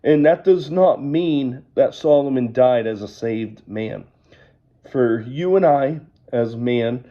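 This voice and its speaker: A man leading an evening Bible study, reading scripture aloud and then explaining it in a measured way. He says he is losing his voice. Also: mid-range voice, warm tone, dull audio.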